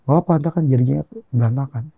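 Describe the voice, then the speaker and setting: A young man from Indonesia speaks quickly in a dark, mellow voice. He tells a personal testimony earnestly, halting and repeating phrases. The sound is dry and close, with little room. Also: medium pitch, creaky, breathy edge, no echo, dull audio. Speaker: guest.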